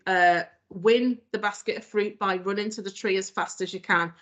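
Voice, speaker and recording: Woman trainer with a Liverpool accent, earnest and conversational, mid pitch. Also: fairly bright tone. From Northwest England. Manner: earnest, conversational with frequent ums. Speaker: anti-racism trainer. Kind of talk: online training talk.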